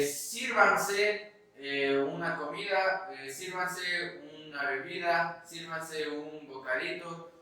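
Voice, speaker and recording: Ecuadorian teacher lecturing in an echoey room. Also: male voice, on the high side, bright, forceful tone, distant mic. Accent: Ecuadorian highland Spanish. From Ecuadorian highlands. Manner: explains step by step, often checking with "¿sí?". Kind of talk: recorded class lecture.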